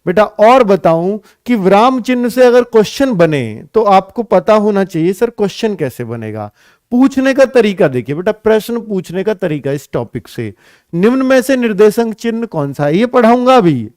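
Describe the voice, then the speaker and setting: A male Hindi teacher giving an exam-prep lesson, explaining slowly and repeating phrases as he addresses his students. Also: high voice, very animated, a little mellow, no room sound, clean studio sound.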